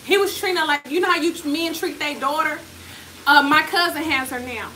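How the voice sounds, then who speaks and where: A woman's voice: high-pitched, fairly quick, pushed and bright, rough recording. A woman co-hosting a home cooking vlog, chatting and teasing her partner in a casual way. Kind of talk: casual chat. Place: home kitchen with frying food. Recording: noticeable background noise.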